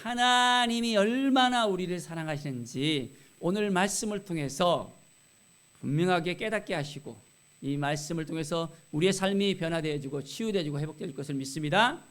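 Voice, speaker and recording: A man, a pastor, preaching an expository sermon, asking rhetorical questions and reading scripture aloud slowly with emphasis. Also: high-pitched, animated, fairly bright tone.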